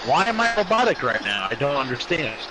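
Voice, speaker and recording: A man's voice: on the high side, big pitch swings, brisk, heavy background noise. A man on a voice call as stream co-host, chatting casually and laid-back, his voice robotic and warbling from the bad connection. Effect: robotic, warbling voice-call audio. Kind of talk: casual gaming chat.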